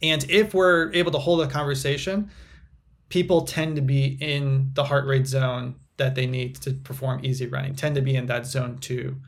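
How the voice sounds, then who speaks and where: A young adult man, a physical therapist guest on a podcast, explaining things in a relaxed way with frequent fillers. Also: medium pitch, normal speed. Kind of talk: casual podcast interview.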